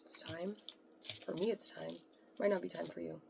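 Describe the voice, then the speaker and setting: Woman, astrology reader, casual and rambling, quiet delivery with a crude edge; very gravelly, low and flat. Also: moderate pace, noisy background. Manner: soft, rambling, blunt and profane. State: voice quiet today. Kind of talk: casual tarot-style astrology talk.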